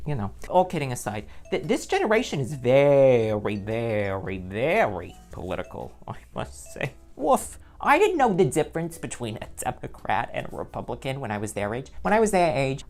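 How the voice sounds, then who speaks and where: A woman's voice: rumbling low, darkish tone, full character voice. A woman playing a sassy rambling nun. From New Jersey. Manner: rambling, sassy, full of self-interrupting asides. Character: chatty sassy middle-aged nun teacher, woman. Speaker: vlog host. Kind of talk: comedic character vlog.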